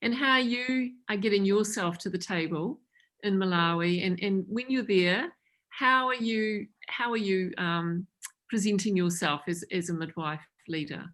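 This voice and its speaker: A woman's voice: medium pitch, a little slow, fairly bright tone. New Zealand woman moderating a panel.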